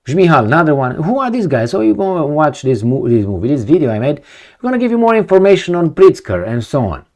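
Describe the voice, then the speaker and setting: A man's voice: fairly high pitch, big pitch swings, fast talker, a little mellow. A man from Romania, giving a rambling opinion monologue to camera, full of rhetorical questions and repetition. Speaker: video commentator.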